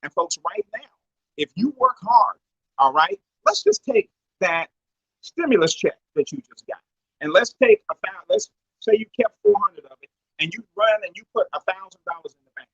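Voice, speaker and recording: A guest speaker explains finance in a preachy teaching talk, putting rhetorical questions to his listeners. His voice sits high and sounds very animated, fairly bright, and breathy-edged at normal speed, with no echo. Over a weak online connection, the dull lo-fi call audio keeps breaking up, so his voice cuts in and out.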